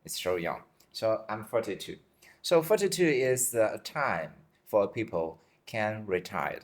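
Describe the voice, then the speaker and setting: A man in his forties from China, Chinese native, answering interview questions in simple, halting English and repeating himself, tired. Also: on the low side, lively intonation. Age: 40s. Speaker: dentist guest. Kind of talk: interview answers in second language.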